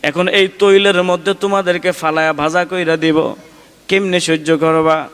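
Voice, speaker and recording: A man's voice: on the high side, steady tone, normal speed, fairly bright tone, clean tone, lightly acted. A preacher voicing a cruel, arrogant pharaoh king who issues threats, in a hall with long reverb. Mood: menacing. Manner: threatening, commanding. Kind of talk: sermon storytelling.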